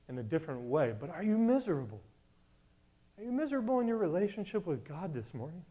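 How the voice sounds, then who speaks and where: A man's voice: on the high side, a little mellow. A man preaching a sermon in a casual, conversational way, asking the congregation repeated questions. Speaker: pastor.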